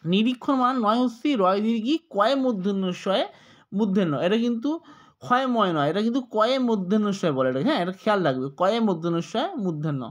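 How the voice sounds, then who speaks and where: High-voiced tutor spelling words aloud. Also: male voice, animated. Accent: Bengali. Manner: slow, repetitive, spells words letter by letter. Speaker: exam tutor. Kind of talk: spelling lesson, dictating corrections.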